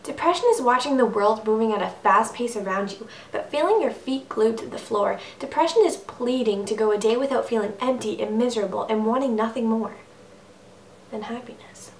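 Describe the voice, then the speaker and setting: A fairly high-pitched young woman recites a slam poem briskly, and her delivery is earnest, rhythmic and emphatic. The mic is far away, so the recording sounds roomy with faint noise.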